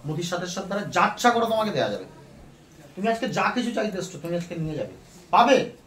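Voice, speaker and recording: Guy testifying at church, kinda high voice, echoey hall, mic a bit far off. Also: sing-song, fast, a bit bright. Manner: fervent, repeats praise phrases. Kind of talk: spoken testimony at a church meeting.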